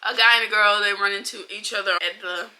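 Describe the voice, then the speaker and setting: A young woman talks straight to camera about her month of reading, blunt and animated, tossing out slang as she goes. Her voice is very bright and sharp, at a middle pitch for a woman. She sounds like a friend venting over coffee. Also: fairly quick. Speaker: book vlogger. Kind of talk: casual reading wrap-up chat.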